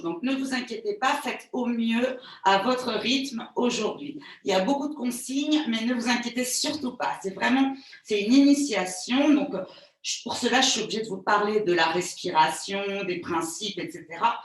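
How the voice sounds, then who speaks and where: A woman pilates instructor giving calm, soothing step-by-step cues and counting breaths for a live class. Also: medium pitch. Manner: calm, soothing, gently reassuring. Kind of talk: guided exercise class. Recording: very echoey room, voice far from the mic.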